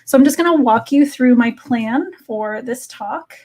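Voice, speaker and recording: A woman's voice: on the high side, measured pace, darkish tone. A woman giving an educational slide talk in a conversational, explanatory manner, as an expert presenter.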